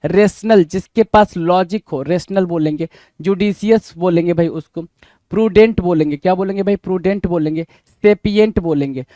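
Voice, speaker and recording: A man's voice: high-pitched, warm tone, dry recording. A man with an Indian accent teaching English vocabulary for exams, mixing Hindi and English and often asking the class questions. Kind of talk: exam-prep vocabulary lesson.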